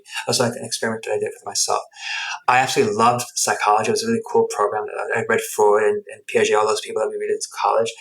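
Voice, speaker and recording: Speaking through headset earphones, a U.S. man who grew up with both Spanish and English reflects on his life as a podcast guest, wandering and restarting many times. His voice sits on the low side with a slightly bright tone, and the recording quality is low.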